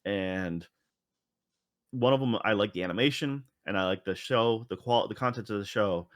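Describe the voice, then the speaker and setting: Low-voiced man chatting casually. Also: normal speed, no room sound, clean studio sound. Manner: rambling, many fillers and restarts. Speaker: podcast co-host. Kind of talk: casual chat.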